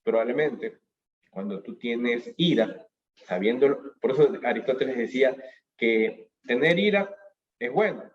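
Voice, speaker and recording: Guy lecturing over a video call, animated, answers his own questions, kinda muffled lo-fi audio. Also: medium pitch, a little slow. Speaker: speaker at a business school talk. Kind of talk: motivational lecture on emotions. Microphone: webcam on a video call.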